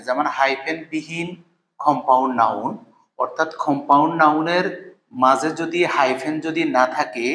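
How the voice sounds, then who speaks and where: A man teaching English grammar in Bengali, reading the English example sentences slowly and asking questions that he answers himself. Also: a little high, fairly bright tone. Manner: asks rhetorical questions, then answers them. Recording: echoey room.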